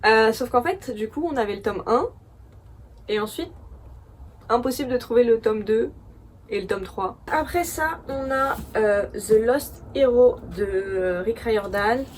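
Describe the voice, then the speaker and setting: A woman's voice: fairly high pitch, unhurried, a little hiss or hum. A young woman from France casually chatting as a book vlogger, chatty and self-mocking, often laughing at herself. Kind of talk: casual chat.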